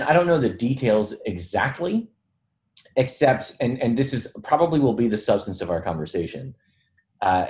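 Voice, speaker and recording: Middle-aged man, film teacher, reflective, self-deprecating, hedging, casual podcast chat, mid-pitched voice. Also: darkish tone.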